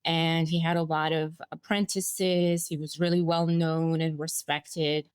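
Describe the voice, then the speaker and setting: Speaking at a measured pace in a low, level, smooth voice, a Bulgarian-born woman in her forties who grew up in the US shares her life story in an interview. She's candid and reflective, laughing a little and restarting now and then; the studio-quality recording is dry.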